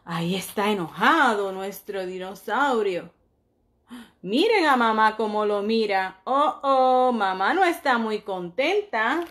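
A woman teacher reads a storybook aloud to young children in a medium-pitched voice with lively intonation, full of exclamations and questions for them. At bedtime she softens, becoming slow and soft.

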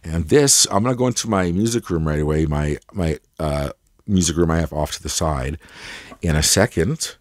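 Sick with a cold, the host of a hi-fi gear tour video speaks in a congested bass voice at normal speed. He's casual, rambling, enthusiastic, and self-deprecating on camera, recorded dry at studio quality.

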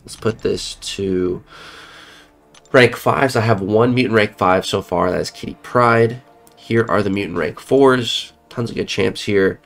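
Sick and sounding a little off, a young mobile game creator rambles through casual commentary on a mobile game from a room at home, talking into a headset. His voice is fairly low and creaky, and he chats on while correcting himself.

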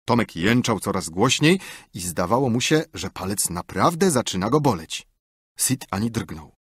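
A man narrating an audiobook with expressive, lively storytelling. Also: lowish voice, normal speed, breathy edge, no echo, studio quality. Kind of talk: scripted narration.

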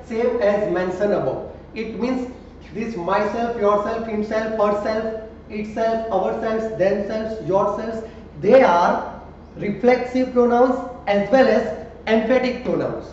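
A man's voice: sits high, a little mellow. A man teaching a school grammar lesson, repeating example sentences and asking the class questions. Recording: echoey room, distant mic, dull with faint noise.

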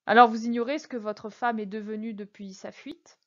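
A woman's voice: on the high side, fairly even intonation, highs cut off, lightly acted. Woman voicing a stern scheming cardinal. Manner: measured, quietly menacing. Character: stern, cunning old male cardinal, cold and commanding.

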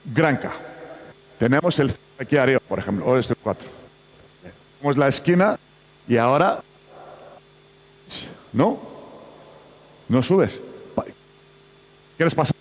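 He speaks slowly in a mid-range, animated voice, pausing often as he directs players at a basketball clinic. Spanish isn't his first language, so his instructions come out choppy. The sound reverberates through the large indoor arena.

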